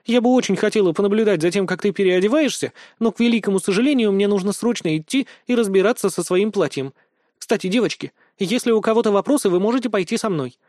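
Man doing a teasing young lady, higher pitched, dry close sound. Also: quick pace, a little mellow, no room sound, close to an everyday voice. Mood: coy.

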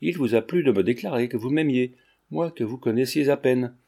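A man's voice: mid-range voice, a little fast, gravelly, warm tone. A man reading the lines of a dignified aristocratic lady who answers coldly. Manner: cold and dignified.

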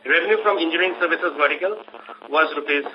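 A man's voice: on the high side, fast. A man with an Indian accent formally and stiffly reading company results as an executive on a conference call. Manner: stiff, formal read-out of figures. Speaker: company finance executive presenting quarterly results. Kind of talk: scripted earnings call presentation. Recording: muffled telephone conference line, faint noise.

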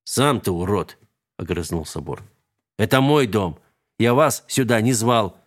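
A man's voice: fairly low pitch, animated, a little slow. A man voicing a spiteful, sulky male house spirit in an audiobook, talking in a snapping, grudging way. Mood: resentful.

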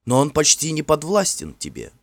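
A man voicing a gentle, frightened young fairy woman who speaks softly and imploringly in a storybook reading. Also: on the high side, huge pitch swings, normal speed, dry recording, pitched above the performer's own voice, heavily acted. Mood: tender. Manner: soft, tremulous and imploring.

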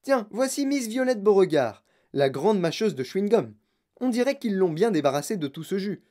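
Reader voicing an eccentric chocolate-factory owner, jovial, mellow dark tone, storybook. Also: medium pitch, sing-song, normal speed, pitched above the performer's own voice, close to an everyday voice. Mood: cheerful. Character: eccentric cheerful male chocolate maker.

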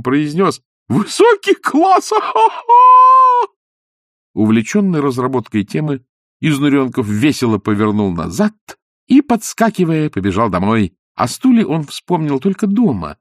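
A man narrating an audiobook in an expressive storytelling manner. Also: mid-range voice, dry recording, clean studio sound.

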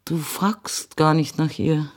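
In a German radio play, an actress voices an elderly mother who is dignified and fond, speaking in a low pitch with halting pauses and old-fashioned diction. Her mood is gently probing.

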